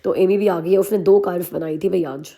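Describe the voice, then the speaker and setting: A woman's voice: lowish voice, fairly even intonation, fairly quick, gravelly, dark tone. A woman in her thirties with a Hindi accent, chatting casually to her vlog audience and poking fun at herself. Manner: chatty, mixes Hindi and English, self-mocking. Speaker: vlogger.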